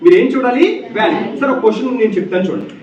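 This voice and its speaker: A man's voice: very high voice, expressive, racing, darkish tone. A male English grammar teacher in a classroom, repeating key points and firing questions at his students. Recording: echoey, distant, dull classroom recording.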